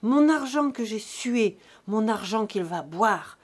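A woman voicing a furious, greedy grown peasant son who shouts accusations at his aged parents. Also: mid-range voice, animated, a little slow, breathy edge, exaggerated voice.

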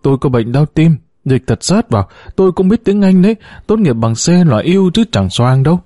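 A panicky middle-aged geologist, as a male narrator puts him on, whining and grumbling in a storybook reading. The voice climbs well above the reader's own and hurries, with a dark undertone and a dry, close sound. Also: sing-song, dry recording, faint music behind. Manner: complaining, shrill and rushed.

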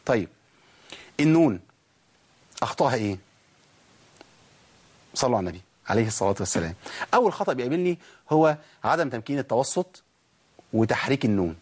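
A middle-aged man speaks with an Egyptian Arabic accent and talks at a brisk clip. His voice sits at an ordinary pitch. He teaches recitation rules by firing off questions and answering them himself, then slows right down to chant drawn-out examples. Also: animated, darkish tone, husky. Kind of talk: Egyptian colloquial tajweed lesson.

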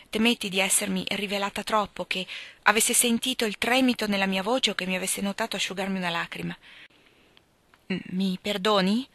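Bright-voiced woman reading a novel. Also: mid-range voice, no room sound. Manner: voices dialogue with louder, slower lines. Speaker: audiobook reader.

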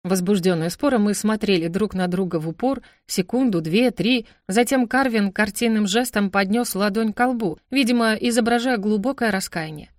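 A woman narrating an audiobook with a lively, expressive reading, close to the mic. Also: mid-range voice, moderate pace, hardly any pauses, no room sound. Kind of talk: scripted narration.

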